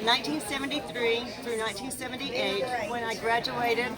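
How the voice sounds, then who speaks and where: A woman in her sixties, a former choir member, talking in a teasing, unhurried way. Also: fairly high pitch, fairly even intonation. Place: crowded reunion gathering in a large room. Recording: loud crowd chatter behind.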